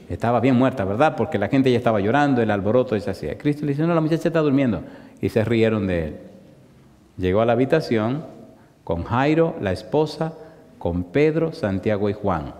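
Man, sermon, rhetorical questions, loud bursts and hushed slow stretches, reverberant hall. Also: mid-range voice. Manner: asks the crowd rhetorical questions over and over. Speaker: preacher.

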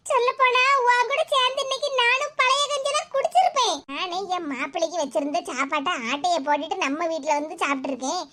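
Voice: very high voice, expressive, fairly quick. A performer voicing a cheeky, greedy young daughter in a cartoon, with a Tirunelveli Tamil accent and a teasing, coaxing way of talking. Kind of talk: cartoon voice acting. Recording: loud background noise.

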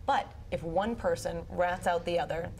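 A woman's voice: fairly low pitch, moderate pace, vocal fry, darkish tone, slight background noise. A young woman news anchor on a morning show panel, explaining research step by step in a chatty way. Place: TV news studio.

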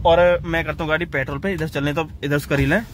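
A young man, an excitable car vlogger commentating a roadside drag race, repeating himself and calling everyone brother. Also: on the high side, fast talker. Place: outdoors on a road beside cars. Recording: outdoor recording with loud car and road noise. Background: car engines and street noise.

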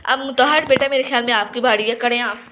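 A woman's voice: a little high, steady tone, fast talker, background noise. A woman, casually narrating a family vlog as she plays a game with her child, teasing and playful.

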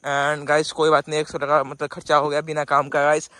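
A man's voice: on the high side, completely flat delivery, brisk, fairly bright tone, dry recording. A young man vlogging outdoors on a phone camera, pleading and flustered as he keeps saying "brother" while he argues. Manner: pleading and flustered, repeating "bhai". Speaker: motovlogger. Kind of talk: casual vlog talk to camera. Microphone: handheld phone camera.

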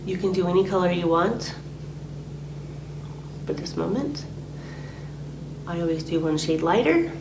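A woman guides a meditation at an unhurried pace, her voice soft and slipping into whispers. The room rings around her and a steady hum runs underneath. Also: lowish voice. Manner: slow and soft, often dropping to a whisper. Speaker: meditation teacher. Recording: roomy recording with a steady hum.

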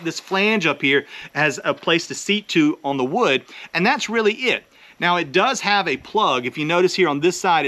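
A man's voice: fairly high pitch, pushed and bright. A middle-aged man, host of a homesteading channel, explaining step by step in a casual, practical way while filming himself outdoors beside a chicken coop. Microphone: handheld camera at arm's length.

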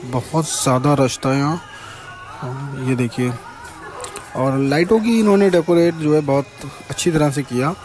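A man's voice: on the high side, moderate pace, a little mellow, faint music behind. A young man from India with a Farrukhabad Hindi accent, chatting casually as a vlogger while he walks viewers through a crowded shrine courtyard at night. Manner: chatty, points things out to viewers. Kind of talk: casual walking tour vlog. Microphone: handheld phone camera.

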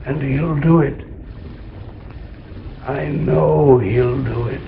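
An actor playing a very old, half-mad condemned villain in 1930s film drama, muttering and wheedling in a creaky voice. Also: male voice, mid-range voice. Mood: wheedling, sly. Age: older. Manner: very old man, slow rambling wheedling mutter. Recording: muffled noisy 1930s film soundtrack, roomy echo.

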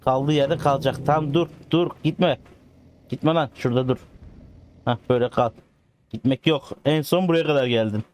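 A man commentating a driving game, excitably cheering and teasing the cars in casual slang. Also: medium pitch, moderate pace, slight background noise. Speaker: gaming channel host.

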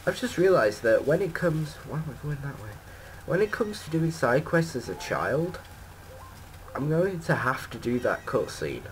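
A man's voice: a little high, very animated, moderate pace, slight background noise, poor audio. A man giving casual gameplay commentary as a let's play host, rambling and correcting himself with many ums.

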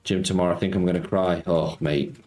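Speaking low and a little fast, this Nottingham slots streamer has a darkish tone and fairly even intonation. The middle-aged man chats casually indoors at home, reading out viewer messages and teasing them cheekily. Faint background music plays in his echoey streaming room.

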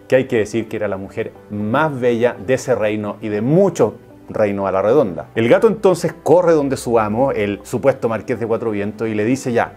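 A man's voice: lowish voice, normal speed, dark tone, soft background music. A man, a teacher, telling a fairy tale in a chatty, casual way, correcting himself and adding wry asides. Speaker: teacher and storyteller.

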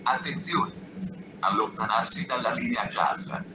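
A man reading a flat, formal railway station announcement in segmented phrases over an outdoor loudspeaker. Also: on the low side, measured pace, background noise. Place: outdoor railway platform, over public-address speakers.

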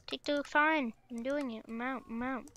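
A woman playing as a teammate on a gaming stream, excitedly calling out enemies and counting down. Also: high voice, moderate pace. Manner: excitable, shouting game callouts and countdowns. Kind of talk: casual gaming banter.

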